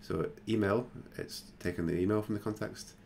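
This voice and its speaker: A man hosting a screen-recorded software tutorial, talking casually and thinking aloud with plenty of fillers. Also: lowish voice, fairly even intonation, moderate pace, gravelly, slight background noise. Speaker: tutorial host.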